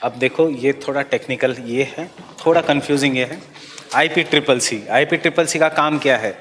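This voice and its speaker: A man with an Indian accent teaching an exam-prep class, dictating slowly and repeating each phrase so students can write it down, then explaining in a mix of Hindi and English. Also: mid-range voice, fairly bright tone, big-room sound, slight background noise.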